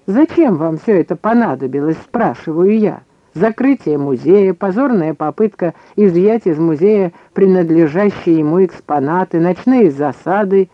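A man's voice: high voice, lively intonation, moderate pace, no room sound. A man voicing an irate elderly male scientist who rants sarcastically, on a dull lo-fi recording. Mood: furious. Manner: ranting, venomous.

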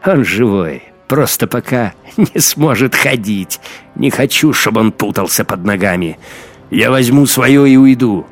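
A man voicing a brutal, gloating young male hunter who shouts and mocks in a storybook reading. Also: sits low, animated, a little slow, creaky, faint music behind, heavily acted. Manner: shouting, menacing, mocking. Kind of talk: audiobook character acting.

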